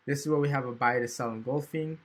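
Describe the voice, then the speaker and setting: A man with a mid-range, fairly bright voice talks fast and with fairly even intonation as he casually walks through trading charts on screen. This trading educator has hiccups, thinks out loud, and often checks in with "right?".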